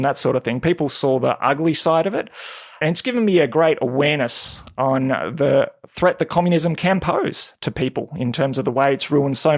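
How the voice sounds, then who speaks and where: A man's voice: fairly high pitch, vocal fry. A man, telling his story earnestly as a podcast guest. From Hungary, raised in Sydney. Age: 40s. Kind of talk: conversational interview.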